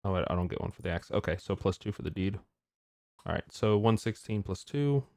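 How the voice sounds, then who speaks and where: Joking low-voiced man, dry sound. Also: animated, creaky, a little mellow, no echo. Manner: joking, quick questions, teasing. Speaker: player. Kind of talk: banter in an online tabletop game.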